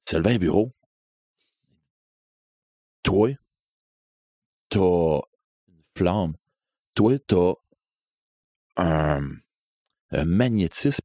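A man's voice: no room sound, studio quality, heavily acted. Man playing a gaunt devil-like stranger. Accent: Québécois. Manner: slow, low, hushed and ominous.

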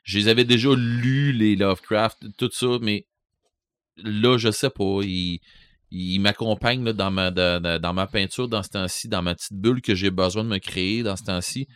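A man's voice: on the low side, fairly even intonation, normal speed, fairly bright tone, clear, resonant tone, no echo. A man with a Québécois accent, co-hosting a podcast in casual chat, rambling with many fillers and restarts. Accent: Québécois French. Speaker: podcast co-host.

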